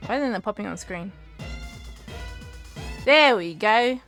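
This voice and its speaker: A woman's voice: mid-range voice, lively intonation, slow, fairly bright tone, faint music behind. A woman streaming from home, chatting casually and rambling to her chat while fixing her setup, close to a desk mic.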